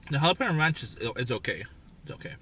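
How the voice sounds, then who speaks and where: Mid-range and bright with a pushed, lively intonation, this man talks quickly as he hosts a casual live stream, eating and speaking through mouthfuls to his viewers. Faint background noise comes through the distant mic.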